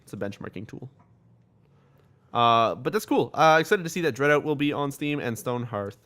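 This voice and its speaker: A man's voice: mid-range voice, lively intonation, moderate pace, a bit bright. A man hosting a casual gaming podcast, reading out news in a rambling, swear-filled way and stumbling over game names.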